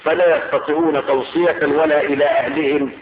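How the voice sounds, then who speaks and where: A man preaching a Quranic exegesis sermon, measured and emphatic, repeating phrases with drawn-out stress. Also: on the high side, fairly even intonation, background noise. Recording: echoey tinny radio broadcast.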